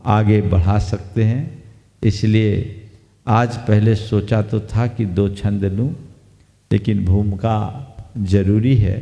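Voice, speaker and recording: A man, a monk giving a sermon to an audience, speaking slowly like a teacher and quizzing his listeners. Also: fairly low pitch, gravelly, mellow. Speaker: Jain monk preacher. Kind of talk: sermon discourse. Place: hall with an audience. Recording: long reverb of a hall.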